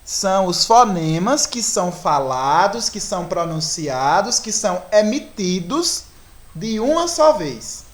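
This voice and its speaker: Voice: medium pitch, very animated, measured pace. A teacher with a Brazilian Portuguese accent, explaining a grammar lesson step by step and often asking the class whether they follow.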